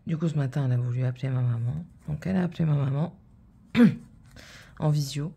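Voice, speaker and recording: Woman in her 30s rambling through a story while she sews, dark mellow voice. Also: low-pitched, fairly even intonation, fast, gravelly, slightly rough. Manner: rambling, storytelling with many fillers. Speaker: vlogger. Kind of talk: casual chat while cross-stitching.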